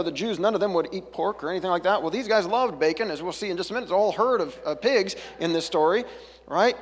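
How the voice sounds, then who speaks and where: A man's voice: high voice, breathy edge, long reverb tail. A man preaching a casual, chatty sermon, breaking off into jokey asides and back. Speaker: pastor. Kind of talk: conversational sermon.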